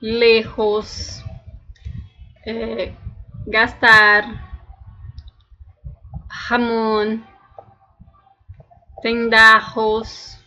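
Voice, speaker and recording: A woman's voice: a little high, completely flat delivery, drawn-out words, long pauses, sharp tone, highs cut off. A woman teaching a recorded language lesson, patiently explaining and drilling words one at a time. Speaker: Spanish teacher.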